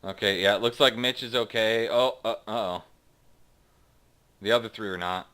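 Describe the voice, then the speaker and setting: A man narrating as game master of a tabletop role-playing game, reading out scenes slowly and dramatically and chatting casually with his players between them. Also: on the low side, bright, forceful tone, clean tone. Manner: slow dramatic read-aloud narration, then halting casual asides.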